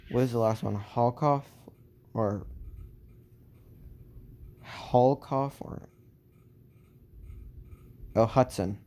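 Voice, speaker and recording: A man's voice: on the low side, mellow. A man improvising a fan story, rambling along with lots of filler words and restarts.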